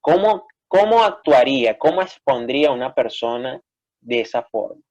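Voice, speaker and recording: A man with a Peruvian Spanish accent teaching an online class, explaining step by step and often checking with a quick "¿sí?". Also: medium pitch, expressive, a little mellow, dull audio.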